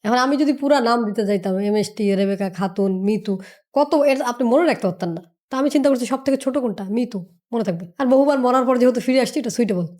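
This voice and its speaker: A woman's voice: fairly high pitch, fast, a little mellow. A woman giving motivational business advice on a podcast. She lectures emphatically, repeating points and firing rhetorical questions. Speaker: business mentor.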